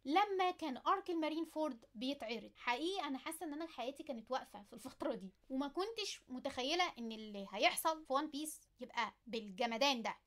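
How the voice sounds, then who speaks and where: Excited anime fan host, woman, Egyptian accent; high voice, very rapid chatty delivery. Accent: Egyptian Arabic. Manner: chatty, playful, addresses viewer directly. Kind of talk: casual anime commentary to camera.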